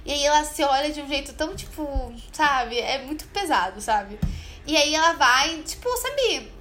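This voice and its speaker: Over soft background music, a young woman co-hosts a relaxed podcast chat about a film she recommends. She speaks at normal speed in a high, animated, bright and forceful voice, using lots of fillers and acting out quotes.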